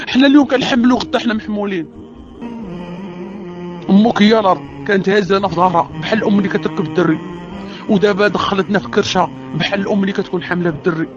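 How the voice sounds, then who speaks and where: A woman's voice: fairly low pitch, darkish tone, dull audio. A woman with a Moroccan Arabic accent preaching to women, impassioned and pleading, asking many rhetorical questions. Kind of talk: religious exhortation to women.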